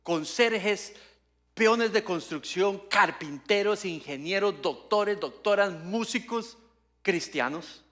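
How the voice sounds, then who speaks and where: A man with a high, fairly bright voice speaks slowly while preaching as pastor at a church service. His Spanish-language sermon teaches through rhetorical questions and long lists, building toward emphatic passages.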